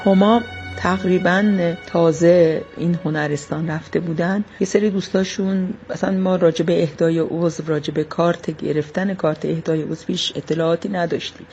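A middle-aged mother recalling the past in an interview, speaking slowly and haltingly. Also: lowish voice, fairly even intonation, a little mellow, faint music behind. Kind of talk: interview recollection. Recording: dull, lo-fi recording with faint noise.

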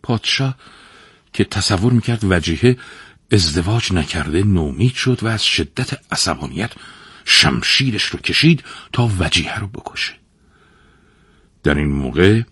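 Deep, husky male narrator for a folktale, lively and dramatic, close and dry. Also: no room sound. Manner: expressive, dramatic storytelling. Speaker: storyteller.

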